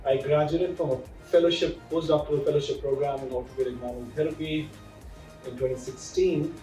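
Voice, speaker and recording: A man's voice: on the high side, fairly even intonation, brisk, warm tone. A man who teaches physiotherapy, speaking in a matter-of-fact way in a casual interview. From India. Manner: matter-of-fact, lists credentials steadily. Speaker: physiotherapy course instructor. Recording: roomy room, distant mic, faint music.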